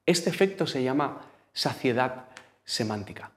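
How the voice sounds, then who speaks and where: A man's voice: mid-range voice, animated, measured pace. A man with a Spain Spanish accent preaching a sermon in a conversational, storytelling way, speaking directly to the congregation.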